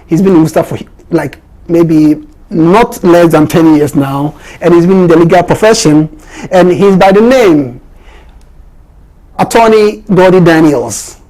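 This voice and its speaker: A man's voice: fairly high pitch, unhurried, mellow, low-quality recording. A man from Ghana hosting an interview, often repeating words and restarting his sentences. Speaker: host.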